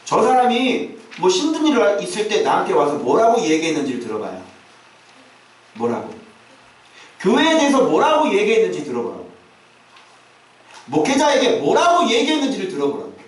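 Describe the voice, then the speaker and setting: A man's voice: high-pitched, wildly swooping pitch, moderate pace, long pauses. A male pastor preaching a sermon, talking to the congregation with constant rhetorical questions and casual asides. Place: church sanctuary. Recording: very echoey church hall, mic far off.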